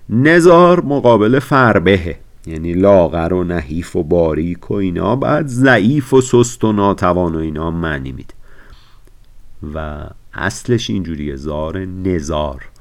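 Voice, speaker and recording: A man who edits a poetry edition, lecturing on classical verse. He recites lines slowly, then explains them in a casual way. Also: deep voice, animated. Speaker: literature scholar and editor of a poetry edition.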